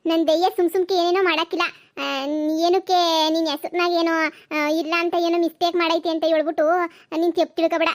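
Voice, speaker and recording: A gentle cartoon village woman, voiced by a woman, coaxes and soothes her friend. Her voice is very high. It is recorded dry and close, with no room sound. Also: little pitch movement, brisk, no echo. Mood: coaxing. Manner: coaxing, reassuring. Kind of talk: cartoon voice acting.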